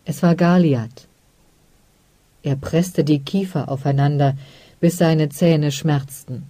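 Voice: medium pitch, steady tone, slow pace, warm tone, dry recording. Ein ruhiger, gemessener Erzählvortrag, trocken und ganz nah am Mikrofon aufgenommen. Die Lesung bleibt gedehnt und ernst, ohne jeden Raumhall. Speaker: audiobook reader. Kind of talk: scripted narration of a literary story.

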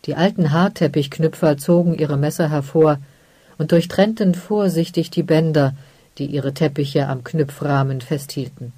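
An audiobook narrator reading a fantasy story in calm, measured scripted narration. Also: mid-range voice, breathy edge, no room sound.

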